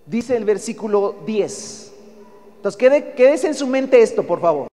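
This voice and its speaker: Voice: medium pitch, sing-song, measured pace, mellow. Emphatic Mexican preacher in reverberant hall. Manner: emphatic, keeps calling listeners "brother", asks rhetorical questions. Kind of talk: sermon.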